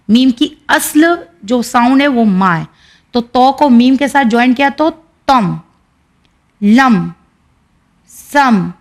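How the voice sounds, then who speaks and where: A woman teacher with an Indian Urdu accent, patiently explaining a reading lesson and sounding out syllables slowly and clearly. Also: high-pitched.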